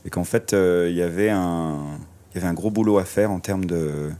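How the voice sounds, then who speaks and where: A deep, dark, steady male voice comes from a musician being interviewed for radio outdoors in the city. He wears a surgical mask and speaks a little fast, reflective but halting, with frequent restarts.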